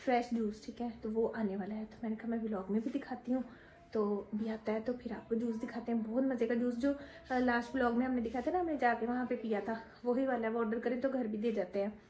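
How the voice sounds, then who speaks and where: A woman's voice: fairly high pitch, fairly even intonation, fast, mellow, low-quality recording. A woman in her thirties with a Punjabi accent, chatting casually to camera at home while talking with her kids. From Pakistan. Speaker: vlogger mother. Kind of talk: casual home vlog chat. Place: home bedroom.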